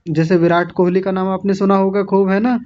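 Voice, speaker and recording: A male teacher leading an online recitation class, patiently drilling each word slowly, syllable by syllable. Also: high-pitched, little pitch movement, a little mellow, highs cut off.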